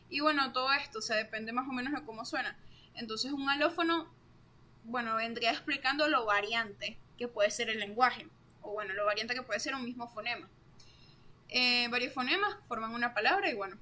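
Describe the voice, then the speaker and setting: A woman's voice: a little high, pushed and bright. A young woman explains course material in a casual, chatty way, full of fillers.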